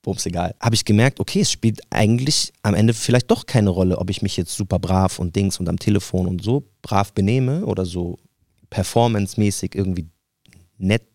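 A man's voice: deep voice, brisk, no room sound, studio quality. A man from Germany, co-hosting a podcast, telling stories in casual chat and acting out the people he quotes. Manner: animated storytelling, acts out the people he quotes.

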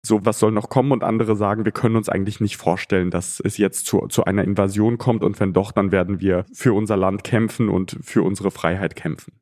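A man's voice: lowish voice, fairly even intonation, brisk, hardly any pauses, a little mellow. A man born in Ukraine, a journalist guest answering interview questions thoughtfully, with frequent hesitations.

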